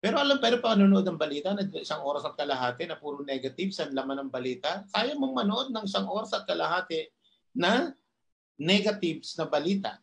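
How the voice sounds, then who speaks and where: A man with a high voice gives a motivational seminar talk. He is animated and laughs often. He keeps asking the audience rhetorical questions and acts out the doubting voices in their heads. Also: a little fast, gravelly. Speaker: motivational speaker.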